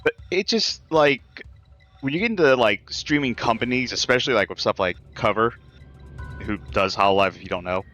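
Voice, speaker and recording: A man's voice: medium pitch, lively intonation, normal speed, fairly bright tone, muffled recording, soft background music. A man co-hosting a podcast who chats casually over gameplay, rambling with lots of fillers and the odd casual swear. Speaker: podcast co-host.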